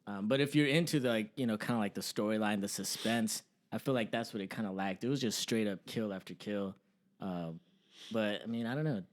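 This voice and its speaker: A man's voice: on the low side, brisk. Laid-back man swearing casually. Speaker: podcast co-host. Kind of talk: casual film discussion.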